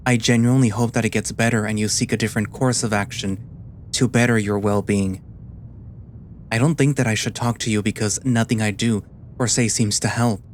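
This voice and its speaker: A man playing a weary, guilt-ridden animal sailor, narrating a first-person story in a quiet, subdued, slow and deliberate way. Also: mid-range voice, a little hiss or hum, lightly acted. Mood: sorrowful, resigned.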